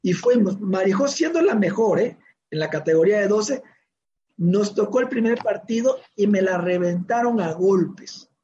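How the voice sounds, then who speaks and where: A man, a father telling an interviewer a story in an animated way, often restarting his sentences and acting out the dialogue. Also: high voice, normal speed. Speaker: interview guest, father of a young tennis player. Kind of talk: conversational storytelling. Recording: slightly dull recording with faint hiss.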